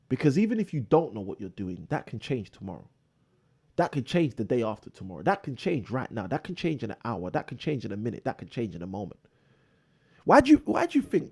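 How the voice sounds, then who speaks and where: A man's voice: medium pitch, gravelly, darkish tone, breathy edge. A man hosting a live property investing show, delivering a preachy motivational monologue that repeats phrases for emphasis.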